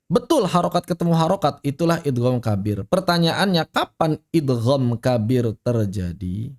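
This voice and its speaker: A man's voice: medium pitch, animated, normal speed, darkish tone. A man teaching Quran recitation rules in an online class, patiently repeating each rule and reciting examples. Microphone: online class audio.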